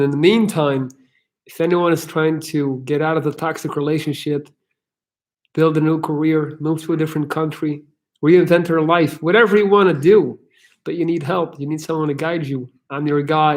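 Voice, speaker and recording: Man, from Belgium, American accent, somewhat high voice, live chat host, rambling, frank. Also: steady tone, moderate pace. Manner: rambling, frank, restarts often. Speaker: livestream host answering chat questions.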